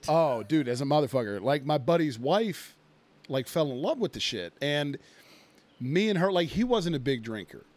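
A man in his thirties co-hosts a casual podcast, rambling and swearing through a long drinking story with many fillers. His voice is on the high side, expressive and a little mellow, at a moderate pace.

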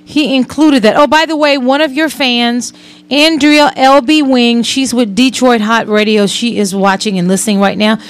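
A woman's voice: fairly high pitch, steady tone, normal speed, clean tone. A woman hosting a radio interview, chatty and hedging as she tells a story. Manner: chatty, repeats hedging words. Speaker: radio host. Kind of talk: casual interview.

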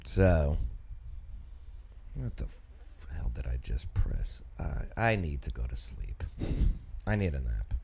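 A man's voice: rumbling low, sing-song, slow pace, pauses often, a little mellow, husky. A man with a New York accent hosting casual talk radio, rambling with lots of fillers and restarts. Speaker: radio show host.

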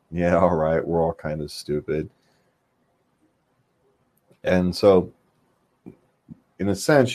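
A man's voice: on the low side, mellow. A man co-hosting a casual live stream, joking and laughing a lot, then talking thoughtfully about self-analysis. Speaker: livestream co-host. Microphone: on camera, controls the board.

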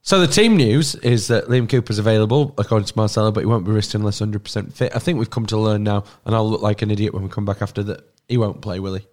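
Lower-voiced podcast co-host. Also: male voice, fast, few pauses, darkish tone. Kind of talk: casual football podcast chat.

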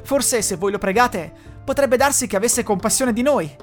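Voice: mid-range voice, normal speed, soft background music, voice pushed up, close to an everyday voice. A narrator voicing a small, clever boy who pleads in a trembling voice. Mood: pleading.

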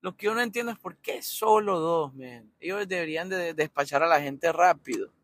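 Rambling Honduran man, fairly high voice. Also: normal speed, a bit bright, no room sound. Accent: Honduran Spanish. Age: 30s. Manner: rambling, anxious, thinking aloud. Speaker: podcast host. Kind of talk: casual running commentary. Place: inside his car in a gas station line.

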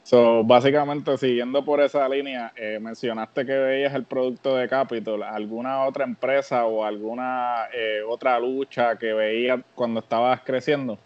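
A man at a middle pitch, co-hosting a podcast and asking calm, measured questions. His recording sounds somewhat dull and lo-fi. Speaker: podcast co-host. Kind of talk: casual interview.

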